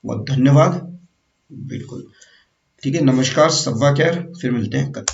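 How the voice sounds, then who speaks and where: A man teaching an exam-prep grammar lesson, repeating terms slowly and quizzing the viewer. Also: medium pitch, creaky, slight background noise. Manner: slow, repetitive, quizzing the viewer. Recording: echoey, distant, dull room sound.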